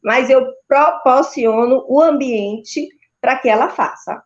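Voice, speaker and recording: Speaking slowly in a high voice, a Brazilian woman who works as a maternal and child sleep consultant gives instructive answers in an interview. She frequently uses tag questions to check in, heard over dull, lo-fi video call audio.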